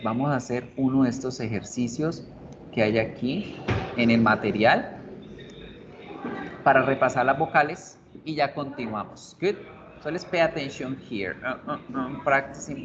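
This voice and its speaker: A man teaching an online English class, explaining slowly and repeating each word several times for drilling. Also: mid-range voice. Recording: slightly dull recording with faint noise.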